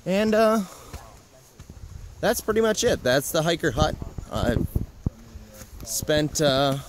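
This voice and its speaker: A man's voice: on the high side, expressive, takes it slowly, slight background noise. A young man in his twenties giving a chatty, joking walking tour outdoors in the woods, filmed on a handheld camera at arm's length.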